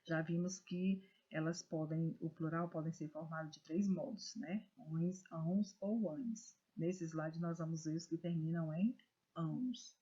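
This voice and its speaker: A Brazilian woman teacher giving a recorded lesson to children, reading words slowly and stressing syllables with care. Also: low-pitched, fairly even intonation, mellow, breathy edge. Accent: Brazilian Portuguese. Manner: slow, careful, stresses syllables when reading words aloud. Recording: dull lo-fi recording.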